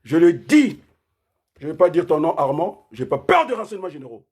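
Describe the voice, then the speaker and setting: A man delivering an impassioned political rant, firing off rhetorical questions and repeatedly raising his voice almost to a shout. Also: on the high side, very animated, a little fast, breathy edge. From Republic of the Congo. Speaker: political commentator.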